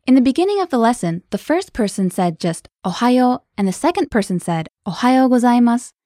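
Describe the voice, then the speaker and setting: A woman co-hosting a scripted language lesson podcast, explaining clearly and brightly. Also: fairly high pitch, big pitch swings, brisk, no echo, clean studio sound.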